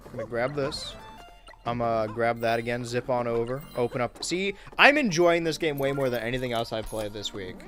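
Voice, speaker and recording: A young man casually chatting on a gaming livestream, wry and relaxed, reading chat aloud while he plays. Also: medium pitch, fairly quick, soft background music. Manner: laid-back, wry, reads chat aloud while playing. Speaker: streamer and YouTuber.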